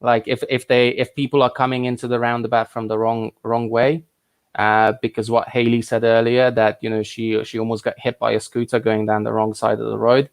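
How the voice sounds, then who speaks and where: A man's voice: medium pitch, little pitch movement, a little fast, creaky, clean tone. Guy from hungary who grew up in england, live stream host, rambles and restarts a lot, medium voice. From Hungary, raised in England from thirteen. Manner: chatty and rambling, frequent restarts and asides. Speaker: livestream host answering viewer questions. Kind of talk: casual live stream chat.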